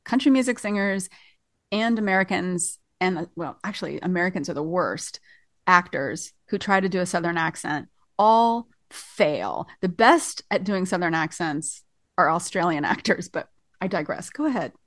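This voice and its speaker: A woman's voice: fairly low pitch, animated, normal speed, no echo, clean studio sound. A woman co-hosting a casual podcast, teasing her partner and steering the talk. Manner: teasing, bossy, laughs often. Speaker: podcast co-host. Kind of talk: casual political chat.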